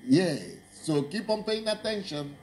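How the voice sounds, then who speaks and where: A man's voice: high-pitched, animated, a little slow, a little hiss or hum. A man, preaching and quizzing his listeners in an emphatic teaching sermon. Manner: quizzing, emphatic, laughs when making a point. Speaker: pastor.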